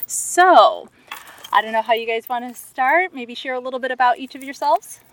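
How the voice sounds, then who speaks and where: A woman's voice: high voice, moderate pace, a bit bright. A woman hosting an interview outdoors, introducing guests and asking them questions. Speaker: host interviewer. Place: outdoors, socially distanced.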